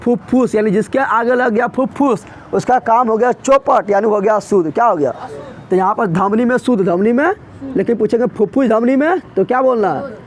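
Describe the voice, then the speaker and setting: A man teaches a class in a high, light voice. He explains in a colloquial, emphatic way and keeps firing short quiz questions back at his students. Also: a little fast, slight background noise. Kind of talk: classroom lecture.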